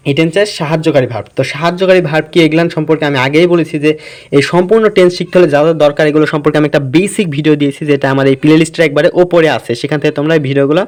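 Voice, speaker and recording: Noise fills the background as a man gives a chatty English grammar lesson, raising questions only to answer them on his own. His voice runs somewhat high and a little mellow.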